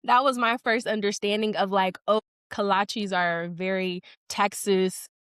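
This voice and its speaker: A young woman who grew up between Colombia and Houston, a podcast guest telling stories in a loose, animated way, laughing often and saying "like" a lot. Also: mid-range voice, measured pace, clean tone, no echo, clean studio sound. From Colombia, raised in Houston. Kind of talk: casual podcast conversation.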